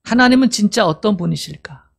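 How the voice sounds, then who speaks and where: A middle-aged man preaches a sermon in a rough, gravelly voice that sits a little higher than most men's. He keeps asking the congregation questions and answering them himself, and he slows down to act out the dialogue he quotes. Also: expressive. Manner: acts out quoted dialogue in a slowed voice. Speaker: pastor.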